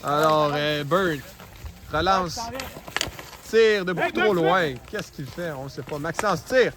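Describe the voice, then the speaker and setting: An excited amateur sports commentator, a man with a Quebec accent and a high-pitched voice. He calls the play informally, throwing in exclamations and wry asides. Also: slow, a crowd in the background. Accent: Quebec French.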